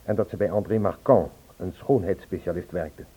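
In an old Dutch radio play, an actor voices an anxious, insistent man searching for a missing woman, recounting events in a troubled way. His voice is low and dark-toned at a normal speed. The recording sounds husky and phone-like.

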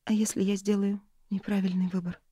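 A woman voicing a guarded, frightened young woman in an audiobook, often speaking in a hushed, breathy whisper. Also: medium pitch, flat delivery, brisk, dry recording, clean studio sound, pitched above the performer's own voice, close to an everyday voice. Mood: pleading. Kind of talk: audiobook character reading.

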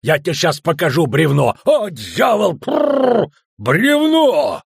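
A quarrelsome male dwarf bellows and rants in a husky, raised voice, as a male audiobook reader puts him on. His crude outbursts jump around in pitch. The recording is dry and close. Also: sing-song, normal speed, dry recording, exaggerated voice. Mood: shouting. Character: gruff hot-tempered male dwarf wagon driver.

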